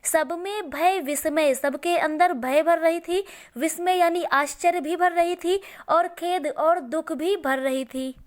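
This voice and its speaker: A woman teaching an online literature class, reading each verse slowly and then explaining it line by line in plain words. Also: very high-pitched. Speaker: Hindi teacher.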